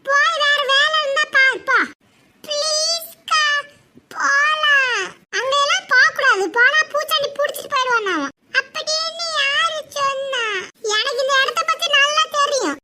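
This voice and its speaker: A woman doing cartoon voice acting in an extremely high voice. She sounds playful and bossy, and loud noise sits under the recording. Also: unhurried.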